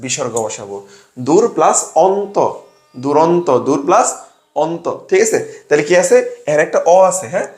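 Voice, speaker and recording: A young man teaches a lesson in a rehearsed question-and-answer drill, firing off a prompt and then answering it himself. His voice sits fairly high and swings up and down a lot as he pushes each point. The sound is roomy, with a clear echo around him. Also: animated, moderate pace, darkish tone. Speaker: admission coaching tutor. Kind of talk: classroom lesson with sales pitch.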